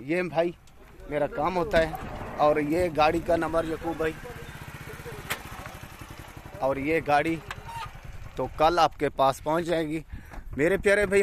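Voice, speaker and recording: A Pakistani goat farm owner in his thirties narrates a casual vlog with a salesman's patter, filming on a phone camera outdoors on a farm along a village road. His voice is a little high and a bit bright.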